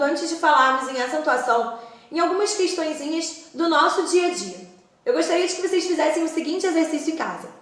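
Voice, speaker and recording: A high-voiced woman teaches a grammar lesson with lively emphasis. She calls out example words to her viewers. Her voice rings in a very echoey room.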